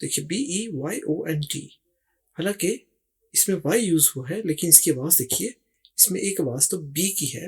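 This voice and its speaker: A teacher talks through an English lesson at an unhurried, measured pace. The voice sits in a middle pitch and has a husky, slightly rough edge. Each word is spelled out carefully, letter by letter. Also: a little mellow. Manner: slow, deliberate explaining, spelling words out letter by letter. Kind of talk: narrated language lesson.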